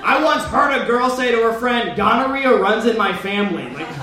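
A man's voice: very high-pitched, animated, normal speed, sharp tone, exaggerated voice. A man performing a live comedy monologue as a sassy, brash, self-righteous lunch lady with campy indignation. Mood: scornful. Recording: very echoey live room, distant mic.

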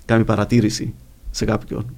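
A man's voice: on the low side, monotone, a little mellow. Man with a Cypriot Greek accent, explaining. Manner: explanatory, illustrates points with examples. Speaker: guest linguist. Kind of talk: conversational explanation in a podcast interview.

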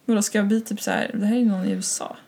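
A young woman co-hosting a podcast, with a husky voice full of creaky fry. She chats casually, mostly giving short reactions and teasing remarks. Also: mid-range voice, fairly even intonation, warm tone. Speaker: podcast co-host. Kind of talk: casual chat.

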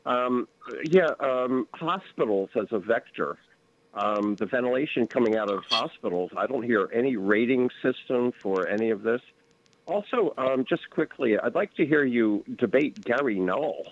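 A man's voice: medium pitch, lively intonation, normal speed, a little hiss or hum. A man calling in to a radio show over the phone, rambling from one topic to the next with many fillers. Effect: heard over the phone. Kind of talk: call-in chat. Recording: dull, lo-fi phone line.

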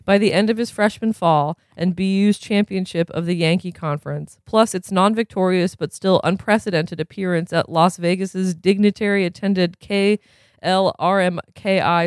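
A man's voice: sits high, dry recording, studio quality. A man, as a podcast host, reads a novel aloud expressively and then breaks off for casual chat full of fillers.

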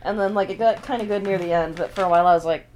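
A woman co-hosting a casual podcast, dropping dry deadpan asides. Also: medium pitch, racing, dull audio. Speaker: podcast co-host.

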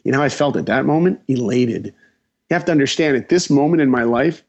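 A man from New York, a guest animator, telling his story with lively acted-out dialogue. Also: medium pitch, fairly quick, lo-fi sound.

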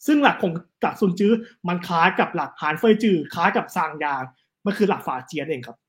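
A man, telling history stories in a casual, animated chat. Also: high voice. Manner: animated, fast storytelling with quick asides. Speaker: guest storyteller on history.

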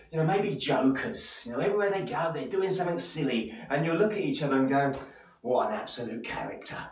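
A man from Essex with an Essex accent giving an encouraging motivational sermon as a pastor, speaking straight to listeners with rhetorical questions and repeated phrases. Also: a little high. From Essex, England. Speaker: church pastor. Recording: echoey room, distant microphone.

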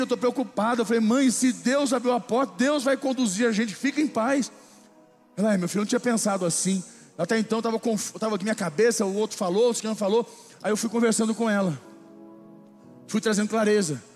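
Man, Brazilian Portuguese accent, pastor, high voice, animated sermon, soft music. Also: big-room sound. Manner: animated storytelling, turning slow and solemn in prayer. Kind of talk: sermon with storytelling and prayer.

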